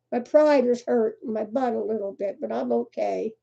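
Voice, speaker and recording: A woman's voice: fairly high pitch, a little slow, creaky, warm tone. An older woman, hosting a casual crochet livestream, chatty and laughing often as she greets viewers by name. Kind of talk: casual live chat. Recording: muffled lo-fi livestream audio.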